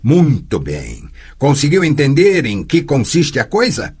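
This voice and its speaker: A man voicing a gruff, mocking male swordsman who trains a girl, speaking bluntly in an audiobook. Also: medium pitch, wildly swooping pitch, a little slow, a little mellow, exaggerated voice. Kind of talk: audiobook character voice.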